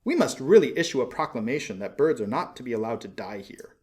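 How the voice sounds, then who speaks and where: A man's voice: mid-range voice, lively intonation, quick pace, darkish tone, lightly acted. A man voicing a pompous, disdainful town mayor from a storybook, blustering with haughty emphasis. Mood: pompous outrage.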